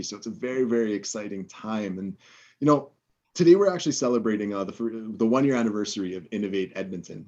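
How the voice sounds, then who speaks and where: A low-voiced man speaking on a video call, and his audio comes through dull and lo-fi. He introduces himself on a panel in an upbeat way, with plenty of fillers and restarts. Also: a little mellow. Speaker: head of a startup support organization.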